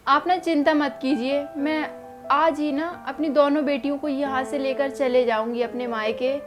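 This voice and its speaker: A woman playing a devoted young wife in an amateur short film, speaking softly and reassuringly. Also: sits high, steady tone, moderate pace, natural voice. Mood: tender. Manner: soft, coaxing, reassuring. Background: background music.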